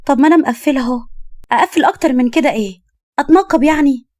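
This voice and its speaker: A woman's voice: fairly high pitch, darkish tone, dry recording, pitched above the performer's own voice, natural voice. Woman doing a cheeky young Egyptian girl. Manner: cheeky, teasing, quick comebacks. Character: bold playful young woman, twenty-two.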